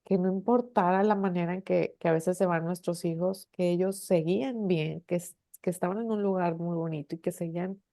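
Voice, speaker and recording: A middle-aged Mexican woman speaking as an interview guest, telling her own story in an earnest, halting way, with many restarts and tag questions. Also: fairly low pitch, fairly even intonation, vocal fry, warm tone. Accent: Mexican Spanish. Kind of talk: personal testimony in an interview.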